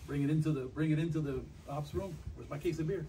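A man with a mellow, slightly higher voice tells a brisk story at a fast pace. He sits away from the mic, and faint room noise runs underneath. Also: far from the mic, low-quality recording. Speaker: model club member. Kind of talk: casual anecdote. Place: club meeting room.

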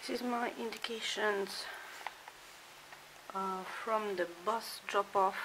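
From a dim hotel room, a woman vlogs casually, chatting and sometimes half-whispering as she shows off her things. She speaks slowly in a mid-range voice. It's a hissy home recording with a steady hiss in the background.

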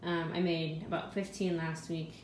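Speaking at a moderate pace in a low-pitched voice, a thirtysomething mother of five casually walks viewers through her groceries at home, thinking out loud about prices. Her kitchen sounds echoey, with constant noise in the background.

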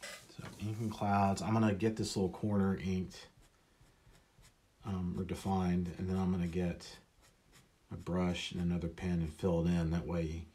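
A man's voice: low voice, level tone, a little slow, mellow. A man talking casually and rambling as he inks a drawing, often mocking himself. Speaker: illustrator. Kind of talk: casual talk while drawing.

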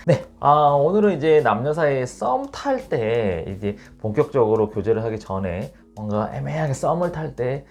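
A man teaching an online English lesson. He explains patiently and reads the English examples slowly and clearly. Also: mid-range voice, very animated, faint music behind.

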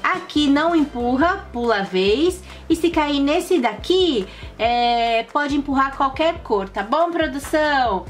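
A woman hosting a children's game channel with bright, sing-song, exclamatory delivery and playful commentary. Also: sits high, expressive, slow, few pauses. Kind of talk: playful commentary for children while playing board games. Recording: music playing behind the voice. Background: music.

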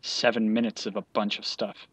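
A man's voice: fairly low pitch, level tone, normal speed, slightly rough, no room sound. A young man in casual gaming chat, explaining things to a beginner in an easygoing, rambling way that trails off mid-sentence. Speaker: gamer teaching a beginner.

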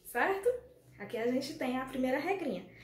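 Speaking at a moderate pace, a high-voiced Brazilian woman sounds very animated as she teaches primary schoolchildren remotely. Affectionate and full of questions for her pupils, she speaks Brazilian Portuguese; the recording has room echo and faint noise.

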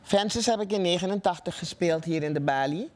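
An older man, a veteran stage actor, speaking slowly and reflectively. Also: sits high, a little mellow. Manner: slow and reflective.

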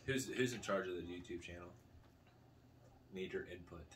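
A man in his thirties with a low voice talks casually through a food tasting. He is picked up by a camera mic a little way off in a living room, with faint room noise behind him. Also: moderate pace. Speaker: host of a food challenge video. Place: small living room at a table, indoors. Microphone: camera a couple of metres away.

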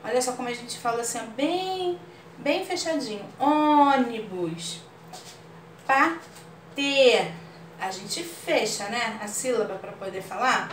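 A woman's voice: fairly high pitch, moderate pace. A woman teacher with a Brazilian Portuguese accent, explaining a grammar lesson patiently and checking understanding often. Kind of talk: online class lesson. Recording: roomy far-off mic with faint room noise.

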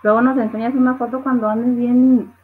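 A woman's voice: fairly high pitch, flat delivery, moderate pace, slight background noise. A woman hosting a casual livestream, reading viewers' comments aloud and laughing along. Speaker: livestream host. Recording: tinny phone-like livestream audio.

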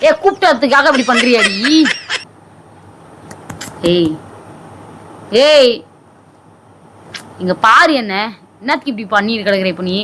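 High-pitched woman nagging nonstop in a comedy skit, bossy and insistent. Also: animated, a little slow, long pauses, fairly bright tone, a little hiss or hum, poor audio. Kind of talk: scripted comedy argument.

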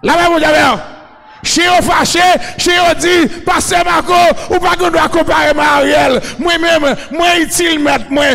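A man with a Haitian accent preaching a shouted sermon, chanting and repeating a refrain over and over. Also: very high voice, fairly even intonation, a little slow, gravelly, soft background music. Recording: long echoing reverb.

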